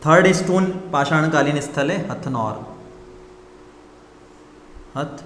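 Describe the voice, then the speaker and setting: A man in a classroom gives an exam coaching lecture, posing questions and answering them himself, hammering key points through repetition. His voice sits a little high, and it rings with a long, roomy reverb. A faint hum of ambience runs underneath. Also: takes it slowly, a bit bright. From India. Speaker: teacher.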